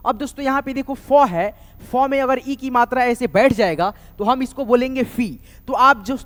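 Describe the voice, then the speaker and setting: High-voiced man teaching Hindi letters. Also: in a large hall. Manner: repeats "dostom" often, slow sounding-out of syllables. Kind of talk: online lesson, explaining letters and vowel signs.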